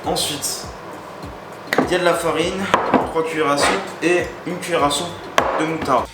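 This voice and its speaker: A man's voice: fairly high pitch, fairly even intonation, moderate pace. A man hosting a casual cooking vlog, chatty and joking, talking straight to the viewer in slangy speech. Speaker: cooking video host. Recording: echoey room with loud background music. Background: loud background music.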